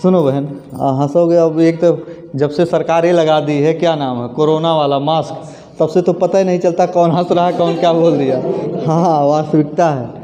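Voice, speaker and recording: A man's voice: fairly high pitch, fairly even intonation, normal speed, mellow. A male teacher, leading a classroom grammar lesson, asking questions, then repeating the answers aloud. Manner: calls students friends and sister, asks and repeats answers.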